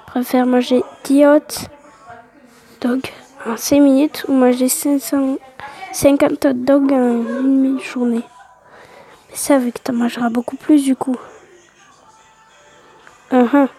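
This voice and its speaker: A woman hosting a casual gaming video, with a high pitch and a mellow, soft tone. She reads quiz questions aloud and answers them offhandedly. She drops into half-whispers now and then, keeping a fairly flat delivery. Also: slow pace, pauses often. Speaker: video host.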